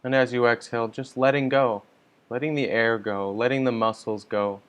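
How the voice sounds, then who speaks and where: A man leading a guided meditation online, giving calm, gentle, unhurried instructions. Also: mid-range voice, smooth. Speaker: meditation teacher. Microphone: online stream mic.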